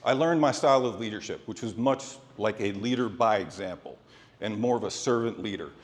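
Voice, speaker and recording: A man's voice: on the low side, a little fast. Man giving motivational speech in echoey hall. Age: middle-aged. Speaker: motivational speaker. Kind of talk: prepared motivational speech with a sports theme. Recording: echoey hall with long reverb.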